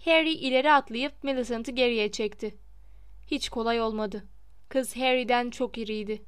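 A woman narrating a novel aloud in an expressive storytelling style. Her voice is fairly high and very clean. She is recorded dry and close at a studio mic. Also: moderate pace, clear, resonant tone, no room sound. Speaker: audiobook narrator.

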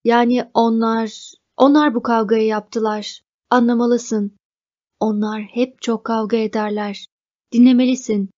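A woman reading as a vague, offhand wife, slow. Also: a little high, flat delivery, mellow, highs cut off, close to an everyday voice.

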